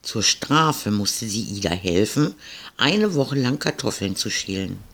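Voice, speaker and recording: Slow-reading male storyteller. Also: on the low side, expressive, fairly bright tone.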